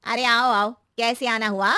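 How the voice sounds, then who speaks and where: A superstitious middle-aged aunty from a cartoon story, voiced by a woman, always quietly warning others. The voice sits high and bright, and it is recorded close and dry. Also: steady tone, unhurried, smooth, no room sound. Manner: warning, knowing tone.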